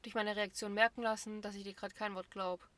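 A woman's voice: mid-range voice, flat delivery, a little fast, a bit bright, no echo. A young woman in casual chat, blunt and emphatic as she tells stories.

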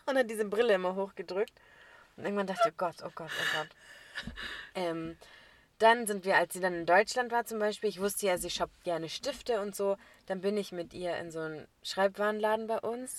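Animated young woman telling a story. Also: mid-range voice, no room sound. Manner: animated storyteller, laughs often, acts out quotes. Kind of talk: casual chat, storytelling.

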